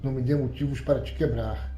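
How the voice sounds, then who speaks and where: Brief: coarse commanding tough guy read by a male narrator, dark mellow voice, roomy echo. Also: medium pitch, fairly even intonation, fast, faint music behind, lightly acted. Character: blunt domineering young man, tough enforcer. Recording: roomy echoey recording.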